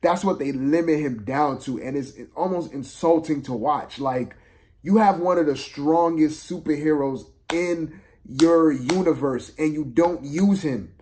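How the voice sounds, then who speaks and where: A fairly high-pitched man with a dark tone rants about a movie off the cuff. He's exasperated and slangy, circling back to repeat his points in a stop-start way for emphasis.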